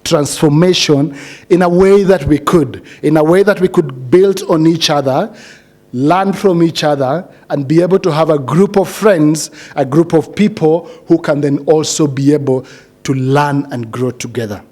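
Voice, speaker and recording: A man's voice: fairly high pitch, moderate pace, a little mellow. A middle-aged man giving a motivational speech to a seated audience, earnest, often repeating phrases and asking the audience questions. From Kenya. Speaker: speaker addressing a graduating cohort.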